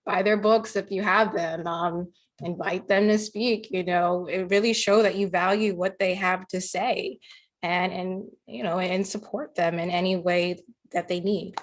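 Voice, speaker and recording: A woman's voice: fairly low pitch, steady tone, measured pace. A woman guest who writes articles and poetry, answering questions in a chatty way with many fillers, then reading her own poem aloud. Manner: chatty, filler-heavy, laughs easily.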